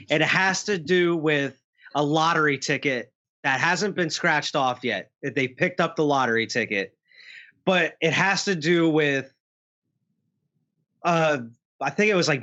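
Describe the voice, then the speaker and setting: A man's voice: on the high side, pushed and bright, dull audio. A man co-hosting a gaming podcast, telling a story in casual chat and acting out the quoted lines, with a lot of laughing. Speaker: podcast co-host.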